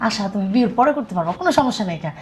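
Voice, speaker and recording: A woman's voice: medium pitch, lively intonation, very fast, darkish tone, slight background noise, lightly acted. A woman playing an anxious young fiancée who pleads and worries. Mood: pleading. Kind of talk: amateur short-film acting.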